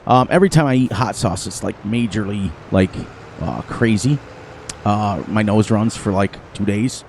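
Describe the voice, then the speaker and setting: This gaming host has a lowish voice at an ordinary speed, with a slight hiss or hum behind it. He laughs a lot and stays chatty and playful as he plays a farming game, his nose runny and sniffly.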